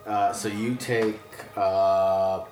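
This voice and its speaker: A man's voice: lowish voice, soft background music. Man running a tabletop game, roomy sound. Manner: relaxed, halting narration with fillers. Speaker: game master. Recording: roomy, distant mic, faint noise.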